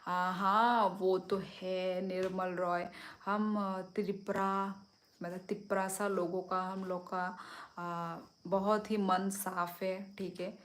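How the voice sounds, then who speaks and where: Middle-aged woman, unhurried livestream chat, phone mic at home. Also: medium pitch, level tone. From Tripura, India. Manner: slow, easygoing, answers viewers one by one. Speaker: livestream host. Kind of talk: casual live chat reading comments. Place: home at night.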